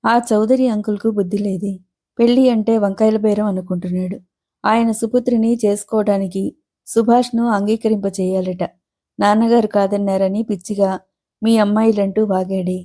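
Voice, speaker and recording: A woman reading aloud voices a sharp-tongued young woman who is scornful and fiery. The tone stays mellow and dark at ordinary pitch. This is a storybook reading. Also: fairly even intonation, normal speed, natural voice.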